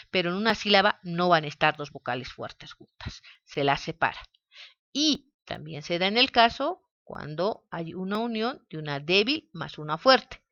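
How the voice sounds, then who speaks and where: A woman teaching a grammar lesson, speaking slowly and spelling words out syllable by syllable. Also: lowish voice, sharp tone, dry recording, dull audio. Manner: slow, deliberate, spells out syllables.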